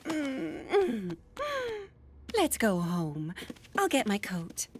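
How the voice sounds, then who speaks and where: Perky, wildly swooping cartoon wife. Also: female voice, medium pitch, very animated, drawn-out words, full character voice. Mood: affectionate. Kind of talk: adult cartoon voice acting.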